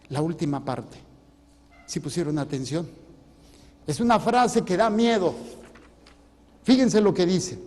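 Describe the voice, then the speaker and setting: A priest preaching a sermon, firing questions at his congregation and swinging between loud stresses and quiet asides. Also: on the high side. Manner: questions the congregation directly, calls on listeners. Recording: long hall reverb.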